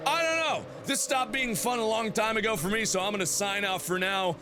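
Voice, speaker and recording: A man giving loud, comedic gameplay commentary in silly taunting voices, heard in a clip played on a stream. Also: high voice, brisk, over music. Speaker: gaming video creator.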